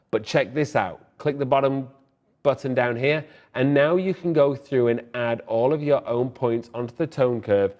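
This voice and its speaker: Young male tutorial host, breathless and brisk, mid-pitched, upbeat and opinionated. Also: a little mellow. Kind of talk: fast screen-recorded software tutorial.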